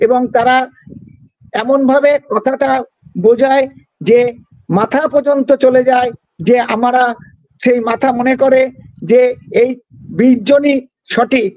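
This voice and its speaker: High-voiced man on a talk show, earnest and pushy, dry flat sound. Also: no room sound. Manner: earnest, insistent, keeps talking over the host. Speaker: guest speaker. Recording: dull lo-fi sound.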